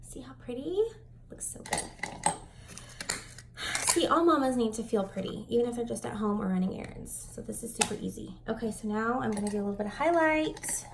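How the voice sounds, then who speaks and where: A young woman chatting at home through a makeup tutorial, rambling with lots of fillers and dropping into soft whispered asides. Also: fairly high pitch, lively intonation, fast, vocal fry, hardly any pauses, noisy background. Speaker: beauty vlogger.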